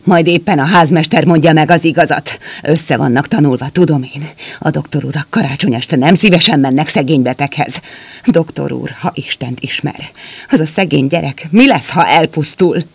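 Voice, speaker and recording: A man voicing an old, desperate soldier and father who pleads in a halting, breathless way. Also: a little high, creaky. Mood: pleading.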